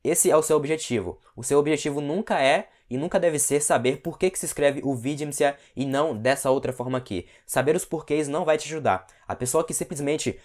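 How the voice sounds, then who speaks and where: A man teaches an online language lesson, explaining patiently, checking in often with listeners and slowing down to model each word. His voice is on the high side with a darkish tone.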